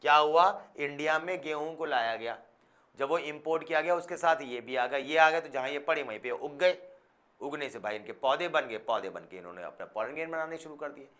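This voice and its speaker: A man with a fairly quick, fairly bright voice on the high side teaches a biology class. He mixes English scientific terms into his explanations, calls students "beta", and keeps asking whether they follow.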